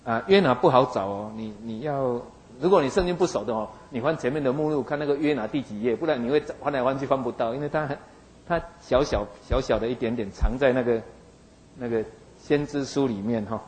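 Fast-talking folksy male preacher. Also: medium pitch, a little mellow, slight background noise, low-quality recording. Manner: folksy, acts out the figures in the story. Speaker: pastor. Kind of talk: sermon retelling a Bible story.

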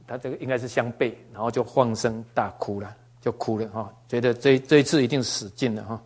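A man's voice: mid-range voice, fairly even intonation, a little fast, darkish tone, breathy edge. A man teaching from the Bible in a conversational sermon, folksy and joking, with asides and fillers. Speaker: preacher.

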